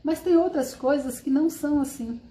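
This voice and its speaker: Teacher, woman from Brazil, higher voice with a mellow tone, explains step by step to the class, roomy echo. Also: moderate pace. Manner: explanatory, addresses class directly with frequent tag questions. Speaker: sign language teacher. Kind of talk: live-streamed language lesson.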